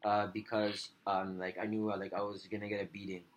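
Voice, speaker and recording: A man with a fairly low voice answers as the client in a role-played phone counselling call. His speech is halting and hesitant, broken up by frequent filler words. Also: little pitch movement, dull audio. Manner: halting, hesitant, heavy use of filler 'like'.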